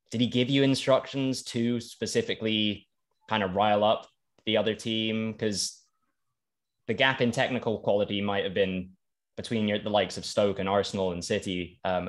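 Low-voiced podcast host asking long questions. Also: male voice. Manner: long rambling questions with restarts. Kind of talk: casual interview questions.

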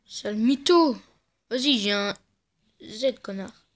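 Gamer woman, slow and a bit high, playful trash talk with soft mutters. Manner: playful, trash-talks the game, often mutters softly. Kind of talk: casual let's-play commentary.

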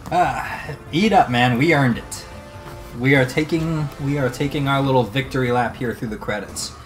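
A man's voice: mid-range voice, moderate pace, soft background music. Earnest man chatting about games. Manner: earnest and appreciative, with dry quips. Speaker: let's play co-host. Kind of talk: casual gaming commentary.

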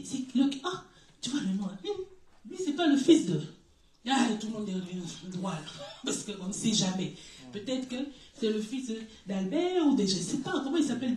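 A woman preaching in a relaxed, conversational way, with a voice that swings high and low. She keeps asking the congregation questions and laughs now and then. The sound is roomy and echoing, picked up from some distance away from the mic. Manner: lively, asks the congregation questions, brief laughs. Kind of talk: conversational sermon. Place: church hall. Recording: echoey room, voice far from mic.

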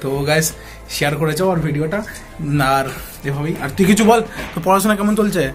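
A chatty young-sounding man talks his viewers through a family visit in a casual vlog. His voice sits a little high, and loud background music plays under it the whole time. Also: fairly quick. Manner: chatty, addresses viewers as guys, mixes in English words. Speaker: vlogger. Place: family home and shop, indoors.

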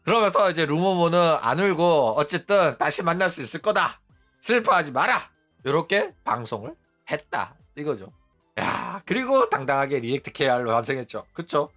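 Male host, mocking blunt commentary, lively high delivery, quiet music bed. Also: moderate pace. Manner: blunt and mocking, keeps tagging "right?". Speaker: VTuber news channel host. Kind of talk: ranting commentary.

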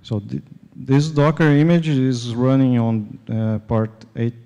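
A young man with a Brazilian Portuguese accent presents at a tech conference, speaking English slowly. His tone is mellow and he keeps stopping to restart sentences with plenty of "uh". The sound carries a long reverb from a large hall. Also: medium pitch, steady tone. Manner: halting, many fillers and restarts. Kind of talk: tech conference talk with live demo.

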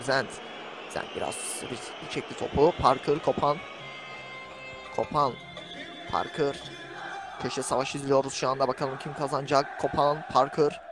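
A man giving fast play-by-play commentary on an online football match, calling out names and rising to shouts at key moments. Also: mid-range voice, background noise. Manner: rapid calling of player names, bursts of shouting.

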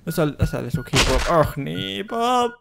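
Frantic, high-voiced young German gamer. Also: male voice, very animated, normal speed, gravelly, noisy background. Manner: frantic, yelling, pleading with the game. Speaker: gaming YouTuber. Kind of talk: excited let's-play commentary.

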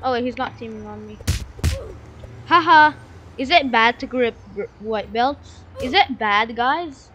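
A woman giving excitable, rambling gameplay commentary into a broken microphone, repeating hype shouts. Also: fairly high pitch, moderate pace, hardly any pauses, husky, dull audio. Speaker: gamer streamer.

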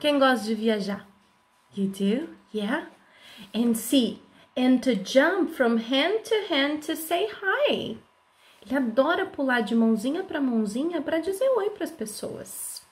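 A kindergarten teacher gives an online lesson to young children in a high, expressive voice. She speaks slowly and sing-song, asking encouraging questions.

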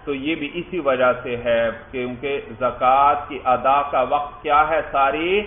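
A man's voice: medium pitch, steady tone. A man teaching a class on Islamic law, putting questions to his students and answering them himself, repeating key terms. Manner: repeats key terms, calls listeners brother. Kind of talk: classroom lecture. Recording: echoey, tinny phone-like recording.

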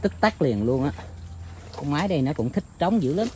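A man talking casually to his viewers outdoors, rambling with many filler pauses. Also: a little high, big pitch swings, dark tone, slight background noise. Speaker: bird-trapping vlogger. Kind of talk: casual outdoor vlog narration. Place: outdoors in countryside.

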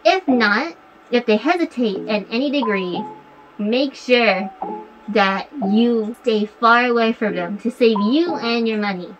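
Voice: medium pitch, a little slow, lo-fi sound. A vlogger talking through a costume head, giving earnest, encouraging advice to viewers. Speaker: fursuit vlogger. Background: background music.

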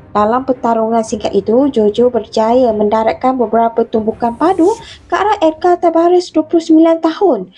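High-pitched woman reading news. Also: mellow. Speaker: news narrator. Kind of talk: scripted news narration.

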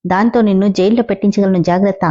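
A woman's voice: medium pitch, fairly even intonation, rapid-fire, mellow, muffled recording, lightly acted. Woman reading as a stern young woman lawyer. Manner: firm, questioning.

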